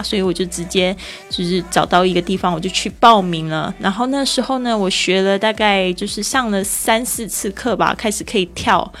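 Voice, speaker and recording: A woman teaching English vocabulary, slowing down to read phrases and spelling words letter by letter. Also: mid-range voice, a bit bright.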